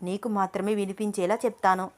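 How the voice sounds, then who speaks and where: A woman's voice: mid-range voice, flat delivery, fast talker, lightly acted. A charming young husband, romantic and teasing, coaxing his shy wife in a storybook romance, as a female narrator reads him. The delivery stays close to her own medium voice.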